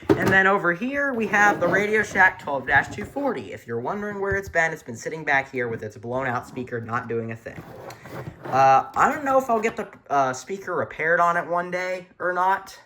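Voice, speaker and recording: Filming from behind a handheld camera or phone in a small furnished room at home, a man does a casual hobbyist show-and-tell, rambling and correcting himself. His high-pitched voice swings widely in pitch at a moderate pace, with background noise audible.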